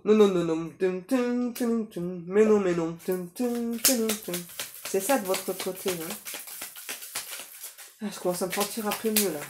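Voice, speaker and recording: A woman giving a casual psychic reading to viewers, talking in a chatty way with many fillers and tag questions. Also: mid-range voice. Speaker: psychic reader. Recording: echoey room, faint noise.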